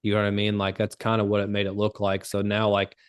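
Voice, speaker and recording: A man with a lowish voice chatting casually on a podcast. He talks in a loose, rambling way and swears often, then keeps going, drifting from point to point. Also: quick pace, clear, resonant tone. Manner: relaxed, rambling, swears freely. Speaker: podcast co-host. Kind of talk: casual chat about fights.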